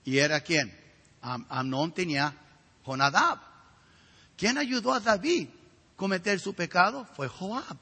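A middle-aged male pastor preaching a sermon with a raspy, gravelly voice and emphatic rhetorical questions. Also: high-pitched, sing-song, measured pace, pauses often, bright, forceful tone. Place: church sanctuary. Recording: reverberant hall.

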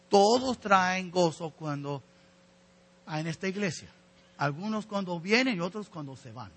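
A man preaches a sermon to his congregation, earnest and exhorting as he turns to his listeners. His voice sits high with a gravelly fry. The tone is bright but husky. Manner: earnest, exhorting, addresses listeners directly as brothers. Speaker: pastor.

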